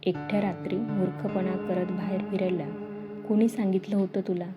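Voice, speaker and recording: A woman voicing an angry young male police inspector who scolds and shouts. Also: mid-range voice, flat delivery, normal speed, highs cut off, music in the background, close to an everyday voice. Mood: scolding.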